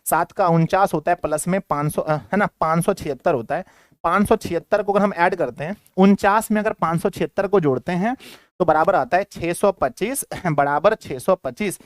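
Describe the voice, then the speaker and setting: A man with a fairly high voice teaches a maths class, keeping up a playful drive as he fires quick questions at his pupils and acts out their answers himself. The sound is dry and close, with no room around it. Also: no room sound. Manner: playful, acts out students' replies in a sing-song voice. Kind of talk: energetic classroom lesson.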